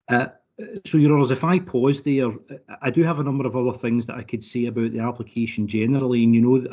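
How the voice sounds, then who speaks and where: A solicitor speaks over a remote video call, his voice dull and lo-fi through a computer mic. His tone is mellow and slightly husky. He makes his case persuasively and courteously to a committee panel. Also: medium pitch. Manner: persuasive, courteous, keeps addressing the panel formally. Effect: remote video call audio. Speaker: solicitor for a licence applicant. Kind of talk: formal legal submission to a committee. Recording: dull lo-fi online call audio.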